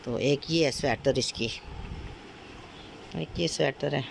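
A woman's voice: rumbling low, slow pace, creaky. A woman recording a casual family vlog at home, coaxing and soothing a crying child and chatting to the camera. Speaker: family vlogger. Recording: noisy home phone recording.

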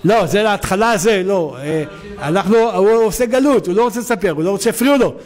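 High-voiced rabbi preaching emphatically. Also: male voice. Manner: emphatic, animated storytelling with repetition. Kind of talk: sermon. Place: synagogue.

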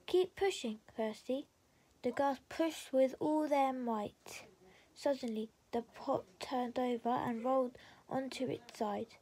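Soft, slow woman reading a bedtime story. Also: sits high, fairly even intonation, breathy edge.

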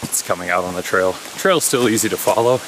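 A man's voice: low voice, a little fast, noisy background. A man in his thirties vlogging a hike outdoors on a forest trail, talking casually into a handheld action camera with a chatty, thinking-aloud manner. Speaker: hiker vlogger. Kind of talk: casual trail vlog narration. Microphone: action camera on a handheld pole.

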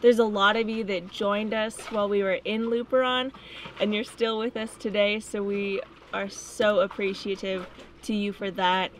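A young woman talking casually to the camera from a sailboat, grateful and soft-spoken. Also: medium pitch, steady tone, moderate pace, low-quality recording. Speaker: sailing vlogger. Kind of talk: casual vlog talk to camera. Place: sailboat cockpit outdoors. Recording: clear wind and water noise.

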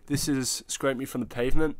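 A man, nasal and gruff from a cold, chatting in an offhand, self-mocking way as he introduces his song. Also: medium pitch, steady tone, a little fast, heavy background noise. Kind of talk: casual chat. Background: guitar.

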